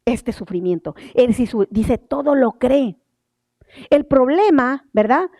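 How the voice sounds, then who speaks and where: A woman's voice: sits high, animated, no echo. Older woman preaching an emphatic sermon. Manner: emphatic, rising on key words, then drops to soft asides; reads scripture slowly and deliberately. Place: church sanctuary.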